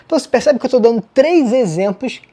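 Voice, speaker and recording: Speaking with a Brazilian Portuguese accent, a man gives a casual online essay-writing lesson in an extremely high, mellow voice with lively intonation. He's brisk and self-mocking, addressing his students directly.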